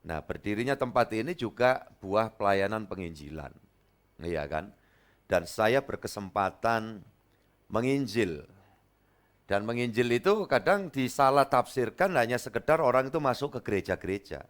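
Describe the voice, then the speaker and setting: A man from East Java preaching a lively sermon as pastor, acting out dialogue in a raised voice. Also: lowish voice, moderate pace. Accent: Indonesian, East Java.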